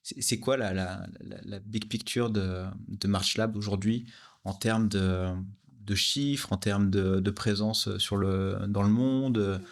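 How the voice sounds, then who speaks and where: A man's voice: lowish voice, takes it slowly. A man hosting a casual interview, asking questions hesitantly with many repeated words. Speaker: podcast host.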